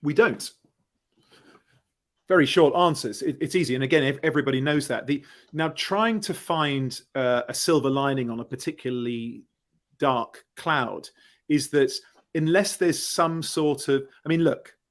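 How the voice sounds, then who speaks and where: A man's voice: medium pitch, moderate pace. A man in a casual football discussion, talking as a fan panellist, emphatic and thinking aloud with rhetorical questions.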